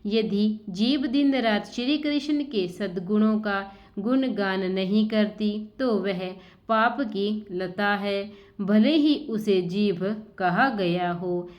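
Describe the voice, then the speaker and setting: A woman slowly reading out a devotional scripture story in an even, recited manner. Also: mid-range voice, highs cut off. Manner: slow, even recitation of sacred text. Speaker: scripture reader.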